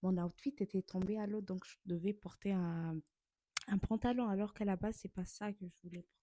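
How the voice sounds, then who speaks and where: A woman's voice: medium pitch, fairly even intonation, fairly quick, dark tone, dry recording. A young woman from Burundi narrating a vlog in voice-over, candid and self-mocking with loose slang. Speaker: vlogger.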